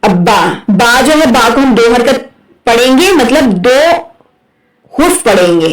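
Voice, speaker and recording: A woman's voice: on the high side, lively intonation. Woman teacher, echoey and distant. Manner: patient, often checks with "right?", draws out sounds slowly when modelling. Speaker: Quran recitation teacher. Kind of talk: Urdu tajweed lesson, explaining and modelling letter sounds.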